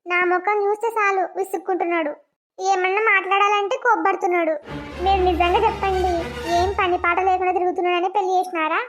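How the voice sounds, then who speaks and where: Bride: young village wife voiced by a woman, very high thin voice, faint music under. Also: level tone, quick pace. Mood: pleading.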